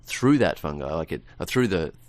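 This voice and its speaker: Deep-voiced man rambling on a radio chat. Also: expressive, normal speed. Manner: rambling, laughs often, many restarts. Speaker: radio guest. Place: radio studio.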